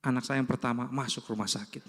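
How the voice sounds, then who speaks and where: An adult man with children preaches in a church hall, weaving in a personal story and performing the quoted dialogue of others. His medium-pitched voice moves quickly with fairly even intonation, trailed by a long reverb tail.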